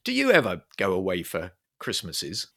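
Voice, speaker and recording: Man, podcast co-host, bright tense tone, lots of fillers, quick to laugh. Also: deep voice, wildly swooping pitch, creaky. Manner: laughs easily, hesitant with many fillers. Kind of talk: casual podcast chat.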